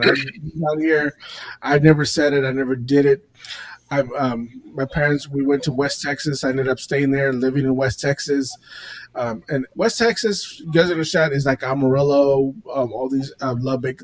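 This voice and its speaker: A man's voice: mid-range voice, fairly even intonation, normal speed, no echo. A man from the American Pacific Northwest telling rambling stories on a casual podcast. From Pacific Northwest, USA. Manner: rambling, restarts, laughs through stories. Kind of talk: casual storytelling chat.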